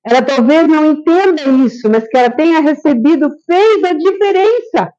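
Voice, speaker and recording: A woman's voice: high voice, animated, moderate pace, warm tone. A woman giving a conversational, story-filled lecture to a spiritist group, asking the audience questions as she goes. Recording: dull lo-fi recording.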